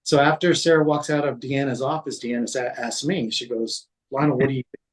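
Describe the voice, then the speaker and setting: Halting man recounting work events. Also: mid-range voice, steady tone, breathy edge, low-quality recording. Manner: halting, many restarts and fillers, quotes others in dialogue. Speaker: former city code manager.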